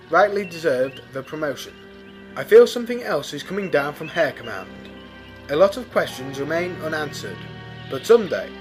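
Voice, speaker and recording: Man acting a high-pitched, earnest rabbit starship captain. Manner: measured, commanding, declarative. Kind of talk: space opera audio drama acting.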